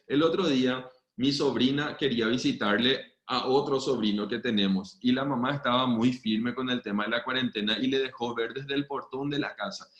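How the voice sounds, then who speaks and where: A man's voice: medium pitch, dull audio. Earnest man, roomy echo. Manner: earnest, checks in with listeners often. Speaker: trainer giving a seminar. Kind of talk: online training talk. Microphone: video call.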